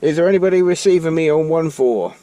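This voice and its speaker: This man's voice is a little high and quick as he demonstrates a CB radio to viewers from inside a car. As a vlogger, he's informal, hesitant and prone to rambling during the hands-on show. The recording picks up car noise along with loud radio hiss and static.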